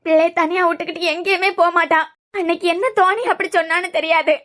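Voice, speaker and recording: A woman's voice: very high voice, level tone, fast, a bit bright. A woman voicing a grieving older grandmother in a cartoon serial, speaking sorrowfully with a Kanyakumari Tamil accent.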